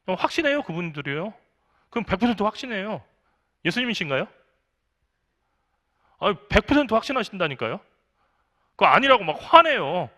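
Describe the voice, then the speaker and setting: A man's voice: high voice, big pitch swings, fairly quick, pauses often, bright, forceful tone. A middle-aged man, a senior pastor, preaching a sermon in a conversational way, asking the congregation questions and acting out quotes. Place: church.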